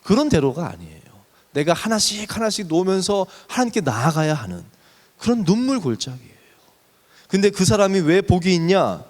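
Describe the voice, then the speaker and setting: A man preaching a sermon as pastor, telling a story with lively emphasis and slowing to a near whisper on key words. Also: high-pitched, in a large hall.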